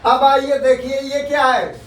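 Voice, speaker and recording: High voiced guy teaching the urdu alphabet super slow, echoey room, mic kinda far off. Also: level tone. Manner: drawn-out letter sounds, repeats each letter. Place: tuition classroom.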